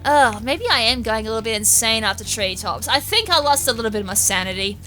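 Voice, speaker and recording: A woman with an Australian accent giving chatty, excitable let's-play commentary and poking fun at herself. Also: a little high, fast, soft background music. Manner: excitable, chatty, self-mocking. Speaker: gamer.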